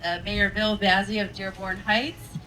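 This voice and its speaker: A woman's voice: mid-range voice, flat delivery, a little slow, sharp tone, faint music behind, rough recording. A woman organizing a press conference, speaking firmly and introducing the speakers. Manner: firm and resolute, introducing speakers.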